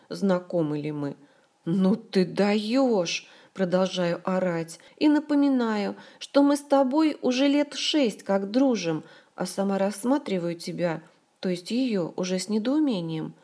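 A woman narrator voicing an emotional young woman friend who chatters in excited rushes and exclamations on the phone, in an audiobook. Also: mid-range voice, natural voice. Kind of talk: audiobook character voice.

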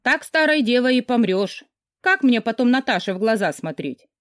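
A woman's voice: a little high, very animated, moderate pace, no room sound, studio quality, pitched above the performer's own voice. Woman playing bubbly, bossy young friend Karina. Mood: teasing. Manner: teasing, bubbly.

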